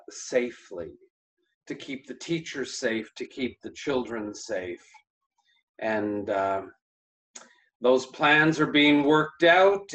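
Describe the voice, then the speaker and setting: Middle-aged male pastor, unhurried and chatty, mid-pitched, casual online church message. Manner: gentle, chatty, with many fillers and pauses.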